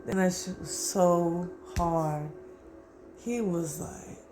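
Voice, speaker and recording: A man hosting his own channel, rambling through a casual, profane, excitable recap of an anime and often acting out his own reactions. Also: high-pitched, takes it slowly, background noise. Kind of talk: casual solo anime commentary.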